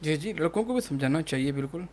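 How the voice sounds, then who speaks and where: A man's voice: a little high, lively intonation, a little mellow. A man, a religious scholar on a panel, explaining teachings with Arabic quotations and teasing humor.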